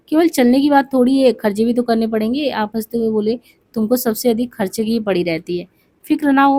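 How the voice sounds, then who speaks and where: A woman's voice: fairly high pitch, mellow. A woman reading a memoir aloud for exam study, voicing its dialogue with small asides and restarts.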